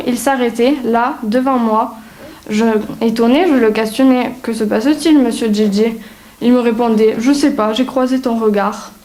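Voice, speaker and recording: A young woman doing a halting comic monologue. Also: on the high side, darkish tone, poor audio. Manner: hesitant, halting with fillers. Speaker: acting student at a casting.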